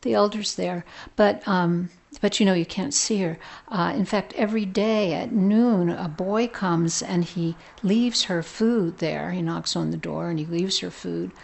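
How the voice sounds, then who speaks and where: A woman's voice: on the low side, unhurried, creaky, hardly any pauses, a little mellow. A woman doing chatty, helpful village folk.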